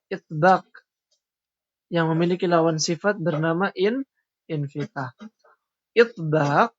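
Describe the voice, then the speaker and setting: Man, tajwid teacher, loud letter demonstrations, soft explanations, lo-fi sound. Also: on the high side. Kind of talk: recorded lesson on Quran recitation. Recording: dull lo-fi recording.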